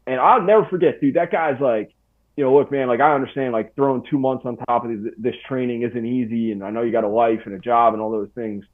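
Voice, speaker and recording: A man's voice: medium pitch, fast. Laid-back guy on a tinny line. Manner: laid-back, slangy, full of "dude" and "bro". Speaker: podcast guest. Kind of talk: casual storytelling interview.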